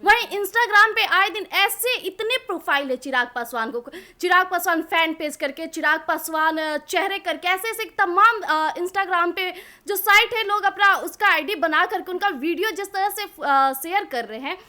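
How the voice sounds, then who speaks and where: Woman, news anchor, panel discussion, very high voice, explanatory, some hesitations. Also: measured pace, few pauses, sharp tone.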